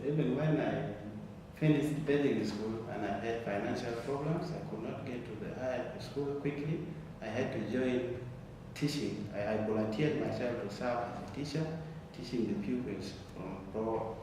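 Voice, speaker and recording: A young man from South Sudan telling his life story in an interview, earnest and deliberate, repeating words as he searches for them. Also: mid-range voice. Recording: echoey room from far off, background noise.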